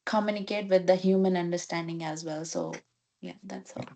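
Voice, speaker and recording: A woman's voice: fairly low pitch, steady tone, fairly quick, warm tone, a little hiss or hum. Hesitant woman in a study group. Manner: hesitant, many fillers like "like". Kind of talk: casual group discussion.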